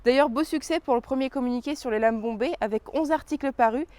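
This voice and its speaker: A woman's voice: high-pitched, fast talker, darkish tone, dry recording. A woman gives a scripted corporate update. She presents as a press relations officer.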